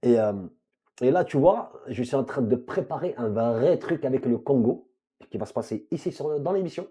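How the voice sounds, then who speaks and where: Husky, mellow-voiced male talk show host. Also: medium pitch, moderate pace. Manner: lively, chummy, speechifying. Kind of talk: casual interview chat.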